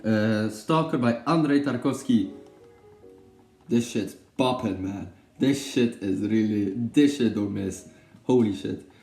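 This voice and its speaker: Speaking slowly in a lowish, slightly mellow voice, a young Belgian man whose native language is Dutch jokes around while discussing films on his vlog. He rambles with many fillers and self-corrections. Soft background music plays in a reverberant room.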